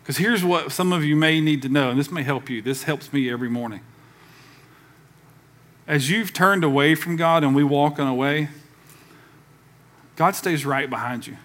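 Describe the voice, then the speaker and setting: Pastor guy preaching, kinda high voice, punchy, gets the crowd to say it back. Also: fairly bright tone. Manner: emphatic, calls for congregation response; conversational with casual asides. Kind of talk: sermon.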